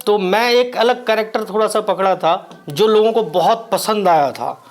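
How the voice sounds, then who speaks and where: Speaking in a high voice, an actor from Bihar, India, with Maithili as his first language gives measured, reflective interview answers. Pauses come often.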